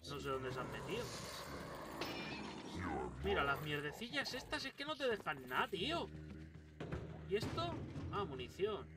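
Excitable spanish guy swearing at a game, high lively voice, loud gunfire behind him. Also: measured pace, long pauses, recorded from a distance, over loud music. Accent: Spain Spanish. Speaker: gaming YouTuber. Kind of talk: let's play commentary. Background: loud game gunfire and ambience.

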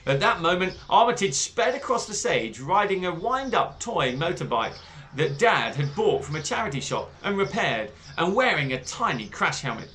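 Animated man reading a children's story. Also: high-pitched, normal speed, slight background noise. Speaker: book club reader. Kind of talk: reading a children's book aloud.

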